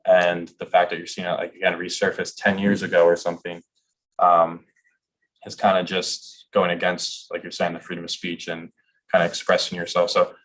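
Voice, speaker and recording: A man's voice: sits low, completely flat delivery, normal speed, a bit bright. A man talking casually in a discussion, easygoing, with lots of "like" and "um" fillers. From Ireland.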